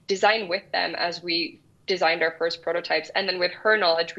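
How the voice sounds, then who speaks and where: A woman in her thirties from El Salvador, a founder appearing as a guest, answers interview questions earnestly, often restarting her sentences. Her voice sits on the low side, a bit bright with vocal fry, and the recording sounds dull and lo-fi.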